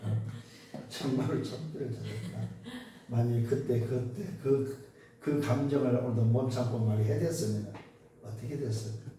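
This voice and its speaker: A man's voice: medium pitch, steady tone, moderate pace, mellow, distant mic, soft background music. A male pastor preaching a sermon with emphatic call-and-response questions, sometimes slipping into conversational storytelling. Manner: tells anecdotes in a conversational preaching tone. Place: church sanctuary. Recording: very echoey church hall, voice from afar, faint noise.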